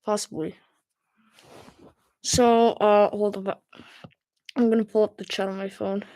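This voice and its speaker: A woman's voice: medium pitch, level tone, measured pace, warm tone, no echo. A woman hosting a casual live reaction stream, speaking informally and a little muffled through a face mask. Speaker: livestream host.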